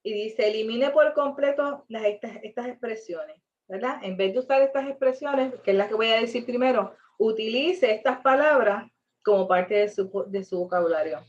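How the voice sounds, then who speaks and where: A woman's voice: on the high side, moderate pace, lo-fi sound. A woman teaching a Bible class in an earnest, emphatic way, asking rhetorical questions.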